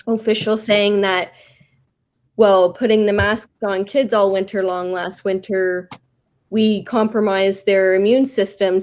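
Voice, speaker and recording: A woman's voice: mid-range voice, darkish tone. A woman from Canada, a political candidate, answering a question bluntly and defiantly at a public forum. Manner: blunt, defiant, plain-spoken.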